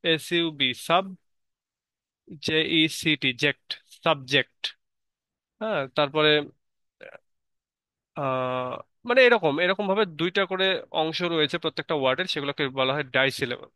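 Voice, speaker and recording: A man's voice: on the high side, measured pace, pauses often, sharp tone, smooth, no room sound. A man teaching a grammar lesson, patiently explaining and spelling words out letter by letter.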